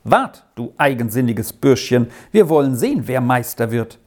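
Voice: mid-range voice, very animated, moderate pace. A reader voicing an insistent, well-off lady traveler who scolds and commands in an audiobook story. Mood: annoyed. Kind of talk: audiobook reading.

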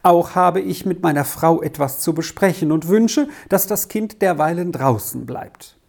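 A woman's voice: lowish voice, unhurried, creaky, darkish tone, voice pushed up. A woman reading aloud voices a flustered father who reacts with agitation to tears and quarrels in his household. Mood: agitated. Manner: agitated, exasperated. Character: flustered middle-aged father, easily alarmed.

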